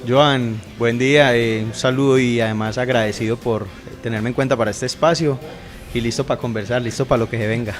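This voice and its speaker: A man's voice: medium pitch, steady tone, a little fast. Man, 30s, Colombian accent, podcast guest, conversational storytelling, faint music behind. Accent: Colombian Spanish. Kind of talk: casual interview chat.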